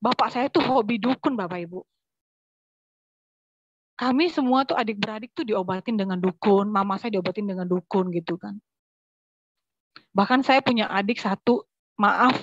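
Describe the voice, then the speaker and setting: A woman's voice: mid-range voice, no room sound, muffled recording. A woman from West Sumatra giving an earnest church testimony, often turning to address her listeners directly. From West Sumatra, Indonesia. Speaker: testimony speaker.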